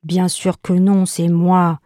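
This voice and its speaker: A woman voicing the lowest musical note in a storybook, a cross, grumbling little female note. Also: flat delivery, slow, warm tone, dry recording, clean studio sound. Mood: irritated.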